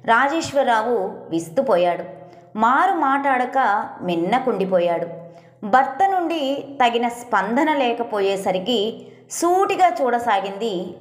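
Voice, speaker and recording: A woman storyteller giving a steady, literary reading of a scripted story. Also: fairly high pitch, roomy sound.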